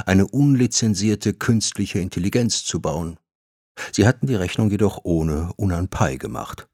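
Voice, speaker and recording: A man narrating an audiobook in a steady, measured storytelling voice. His pitch sits very low, and the recording is close and dry with no room sound. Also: no echo.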